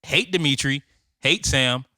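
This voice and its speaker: A man hosting a casual podcast, joking around and giving quick opinions. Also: medium pitch, bright, forceful tone, no echo. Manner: joking, fast, self-promoting. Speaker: podcast host.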